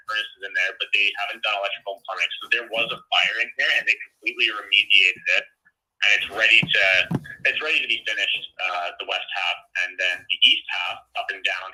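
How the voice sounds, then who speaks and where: A man heard over a phone speaker, explaining numbers in a relaxed, matter-of-fact way, with many fillers and restarts. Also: on the low side, husky, rough recording. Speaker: real estate investor on a call.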